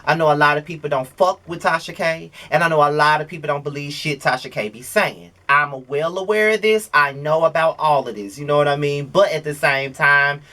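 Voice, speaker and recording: A man's voice: on the high side, fairly quick, few pauses, pushed and bright. A man hosting a gossip commentary vlog in a conversational, opinionated way, with slang and rhetorical questions. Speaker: host of a gossip commentary show.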